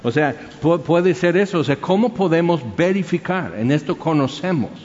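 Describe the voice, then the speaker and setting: A man's voice: on the high side, lively intonation, normal speed, a little mellow. A man preaching a conversational sermon that is full of rhetorical questions. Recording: dull sound with long hall reverb.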